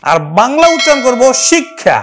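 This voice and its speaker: A woman teacher giving a pronunciation lesson, explaining step by step, repeating each word slowly and speaking straight to her students. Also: high-pitched, sing-song, a bit bright, slight background noise. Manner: addresses the class directly.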